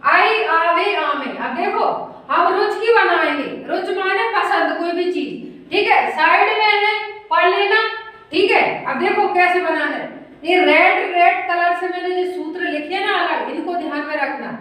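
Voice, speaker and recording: High-pitched woman teaching in an echoey room. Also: a little slow, bright, forceful tone, recorded from a distance. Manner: patient, repetitive drilling, addresses students as children. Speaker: Sanskrit grammar teacher. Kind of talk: classroom-style lesson at a whiteboard.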